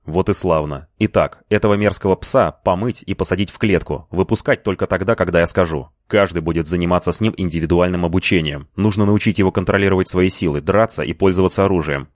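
Brutal gang boss shouting threats, low gruff voice, guy reading it. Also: fast, few pauses, no room sound, clean studio sound, close to an everyday voice. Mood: commanding. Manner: threatening, barking orders. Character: violent ruthless male crime boss. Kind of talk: audiobook character reading.

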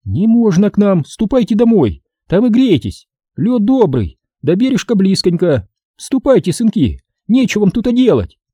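Guy doing a sly fussy country woman in a storybook, high husky voice, dry close sound. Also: sing-song, normal speed, warm tone, dry recording, heavily acted. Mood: fussing. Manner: folksy village speech, pleading and scolding. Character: stout wary rural woman, fussy and sly.

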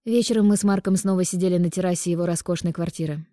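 A woman's voice: fairly low pitch, steady tone, fast, mellow, dry recording. A woman narrating a first-person audiobook in a dry, ironic, composed manner. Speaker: audiobook reader.

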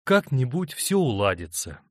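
A man's voice: on the high side, animated, normal speed, darkish tone, no room sound, clean studio sound, pitched above the performer's own voice. A man voicing a young married woman torn between two loves, speaking in an emotional, hesitant, pleading way. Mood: torn, tender.

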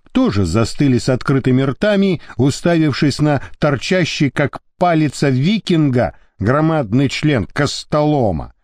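A man narrates an audiobook in an expressive storytelling manner. His voice sits fairly high and moves a lot in pitch. The recording is dry and close, with no room sound. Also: no echo. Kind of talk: audiobook reading.

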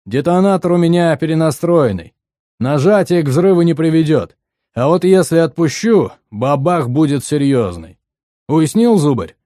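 A man's voice: a little high, animated, moderate pace, mellow, no room sound, clean studio sound, pitched above the performer's own voice, close to an everyday voice. A man voicing a cheerful, reckless young man who teases in a raised, jaunty voice. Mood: gleeful.

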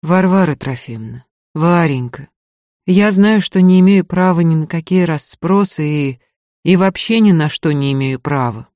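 An impulsive young man, a student, gallant and earnest, quick to flare up and quick to apologise, as a reader puts him on. Read close and dry, in the even register of a storyteller. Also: medium pitch, no echo, lightly acted. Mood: ardent. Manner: earnest, ardent, stammering apologies. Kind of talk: audiobook character voice.

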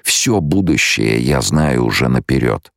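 A male reader gives a heavily exaggerated performance of a calm, commanding blind prophet-leader, speaking slowly and measuredly. The voice stays very low and gravelly, with a dry, close sound from a dry recording.

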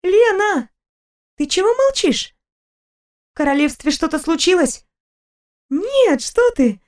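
Woman putting on a chirpy young princess, bright and high, eager chatter, storybook reading. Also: big pitch swings, slow pace, heavily acted. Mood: concerned. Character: cheerful chatty young fairy-tale princess.

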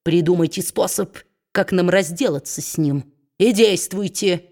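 Brief: sneering, scheming male dwarf , played by a woman, slow and gloating. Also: fairly low pitch, darkish tone.

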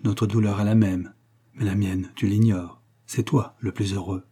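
A man reading the lines of a sad, self-sacrificing young man in love, delivered in a quiet, restrained way in an audiobook. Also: fairly low pitch, fairly even intonation, a little slow, breathy edge.

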